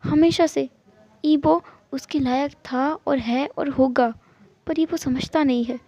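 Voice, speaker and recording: A woman tells a fan-fiction story in a chatty, casual way and now and then addresses her listeners directly. Her voice is high and gravelly. The recording sounds muffled and lo-fi. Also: steady tone, takes it slowly, dark tone, no echo.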